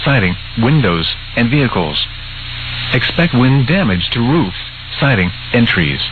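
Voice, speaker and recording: A man reading an automated emergency weather warning in a flat, even monotone, played over a PA-like broadcast speaker. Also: mid-range voice. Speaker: emergency alert announcer. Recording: tinny phone-like broadcast with noise.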